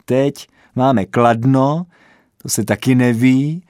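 A man's voice: medium pitch, fairly even intonation, a little mellow, dry recording, clean studio sound, pitched above the performer's own voice, close to an everyday voice. A man voicing a proud, hot-tempered male football fan with a red nose, ranting shrilly in a read-aloud comic story. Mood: boastful.

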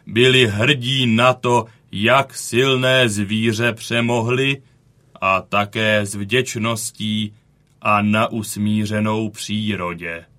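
A man voicing a wounded old male bison from a cave painting in a children's audio story. He speaks slowly, with weary dignity. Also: on the low side, steady tone, sharp tone. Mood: weary, proud. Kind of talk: audiobook character reading.

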